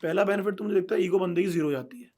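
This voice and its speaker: A man's voice: sits high, very fast, mellow. A man from India hosting an interview, asking probing questions while switching between Hindi and English. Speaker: host. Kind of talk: casual conversational interview.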